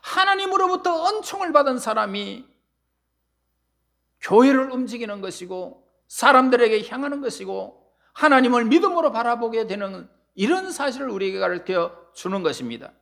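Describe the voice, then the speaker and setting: A man's voice: very high voice, expressive, normal speed, creaky, a bit bright. A male pastor preaching a sermon in church, pressing words with rising emphasis and letting phrase endings fall away. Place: church sanctuary.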